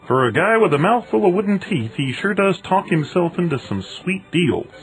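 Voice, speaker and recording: A man's voice: high voice, big pitch swings, normal speed, faint music behind. A man playing a self-important, envious, scheming founding father in a comedy radio sketch, with a pompous manner. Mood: smug, scheming.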